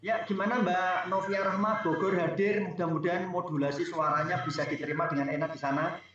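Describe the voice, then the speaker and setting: A man's voice: steady tone, brisk, dull audio. A man hosting a casual online product session, chatting and asking listeners for audio feedback, his voice carrying a heavy cavernous echo. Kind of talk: casual live-stream talk. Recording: booming echo, distant mic, loud music behind. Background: loud music.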